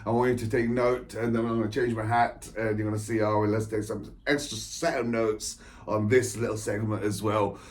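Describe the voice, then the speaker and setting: Speaking fairly quickly in a flat, fairly low voice, a 40-something English author and spiritual coach delivers a rambling personal monologue. He chats, digresses, laughs a lot and says the same things again.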